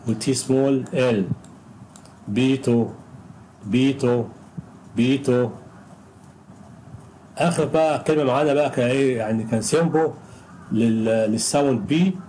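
A man's voice: medium pitch, dark tone, a little hiss or hum, rough recording. Patient Egyptian man teaching pronunciation. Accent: Egyptian Arabic. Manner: patient, repeats each word slowly several times. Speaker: English teacher. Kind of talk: recorded screen lesson.

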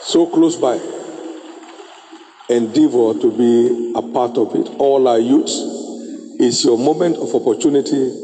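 A middle-aged man preaching a sermon on a handheld mic in a large church auditorium, slow and emphatic with drawn-out phrases and sudden high exclamations. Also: mellow. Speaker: bishop preaching. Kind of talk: sermon exhortation. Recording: echoey hall reverb.

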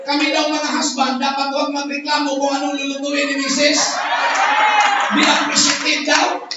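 A male pastor with a Filipino accent, preaching with emphatic, often shouted delivery and mixing English with Tagalog. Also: extremely high pitch, completely flat delivery, moderate pace, over a noisy crowd, heavy background noise. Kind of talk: sermon. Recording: echoey hall from far off, dull lo-fi.

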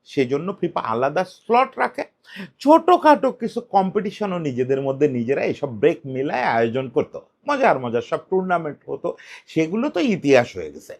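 Male football commentator, solo talk, high voice, very expressive, argumentative. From Bengal. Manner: animated, rhetorical questions, shifts pitch for emphasis.

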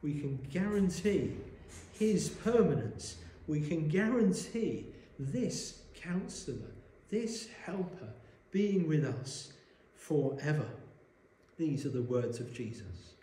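A man preaching a sermon, explaining a Bible passage in a measured way and asking rhetorical questions, recorded in a church. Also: on the high side, lively intonation, dark tone, slight background noise. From Wales. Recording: echoey church room.

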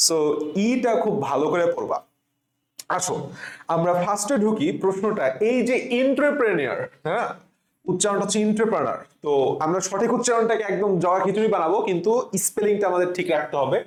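A man's voice: high voice, expressive, fast, reverberant. A young adult man with a Bangladeshi accent, tutoring for an admission exam and drilling spellings letter by letter. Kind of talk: spelling lesson for students.

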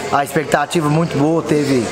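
A man's voice: on the high side, steady tone, normal speed. Man giving a matter-of-fact rodeo rundown. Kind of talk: interview answer. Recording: loud crowd and music behind.

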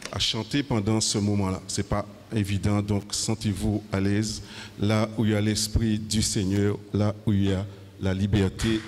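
A middle-aged man preaching a church sermon in a halting way, repeating words and phrases, on a handheld microphone in a hall. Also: fairly low pitch, darkish tone, a little hiss or hum.

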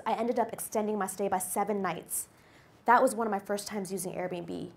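A woman in her forties speaks into a handheld microphone on a lecture hall stage, giving a guest lecture as a company executive. Her voice sits at an ordinary middle pitch. She tells personal anecdotes to the class with an upbeat, storytelling energy. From United States. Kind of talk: presentation to a university class.

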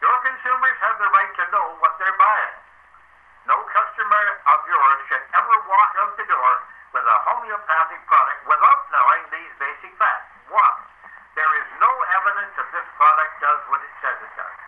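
A man's voice: fairly high pitch, expressive, normal speed, narrow, tinny audio. A man reading a prepared public statement as a foundation's spokesman, emphatic and challenging, captured on a dictaphone recording.

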